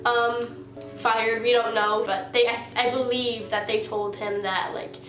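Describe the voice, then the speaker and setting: Music plays behind a late-teen YouTuber as she shares a storytime vlog in a chatty manner, using "like" a lot while stuffed up from a sinus infection. Her fairly high voice stays level and measured, and the room gives off a roomy echo.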